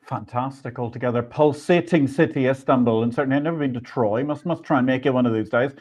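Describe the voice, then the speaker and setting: A podcast host with a mid-range, fast, darkish voice reads an introduction and then asks his guest questions. He's enthusiastic throughout, heaping effusive praise.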